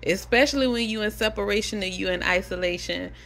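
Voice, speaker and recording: A young adult woman vlogging, telling a casual story to camera, animated and chatty, swearing freely. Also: mid-range voice, fast, vocal fry.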